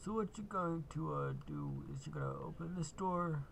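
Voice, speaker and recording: Male game host, walkthrough, gravelly and a bit high, relaxed and rambling. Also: normal speed, a little hiss or hum. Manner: laid-back, lots of uh and kinda. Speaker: gaming video host. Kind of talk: casual gameplay walkthrough.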